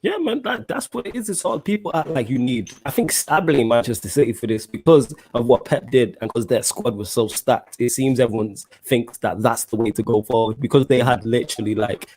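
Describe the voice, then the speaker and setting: A man's voice: mid-range voice, brisk, few pauses, a little mellow. A man with a London roadman accent and slang-heavy street delivery, hosting a casual football podcast. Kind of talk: casual chat.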